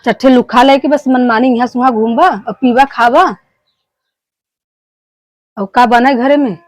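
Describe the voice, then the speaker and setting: A woman's voice: a little high, steady tone, unhurried, no echo, faint music behind, natural voice. A woman playing a fed-up village wife in a family skit, scolding and complaining in rustic speech with an eastern Hindi belt, Bhojpuri-Awadhi accent. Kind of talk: amateur family skit dialogue.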